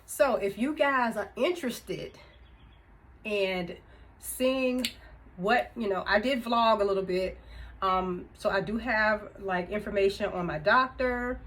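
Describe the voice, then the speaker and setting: A woman's voice: medium pitch, takes it slowly, a bit bright. A woman in her fifties chatting casually to camera as a vlogger, laughing often between thoughts. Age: 50s. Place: indoors, room with music she turned off.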